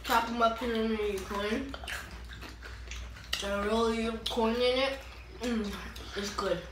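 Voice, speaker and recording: A woman with a slightly high voice, chatting in a relaxed, halting way with lots of fillers. She sounds a little distant from the mic, and the room is echoey. There is a clear background hiss. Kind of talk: casual home video chat.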